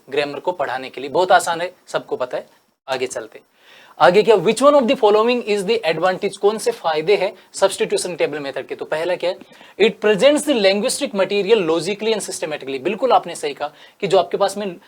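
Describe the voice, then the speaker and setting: A male teacher from India giving an exam-prep lesson. He reads English options slowly, then explains them with rhetorical questions. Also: sits high.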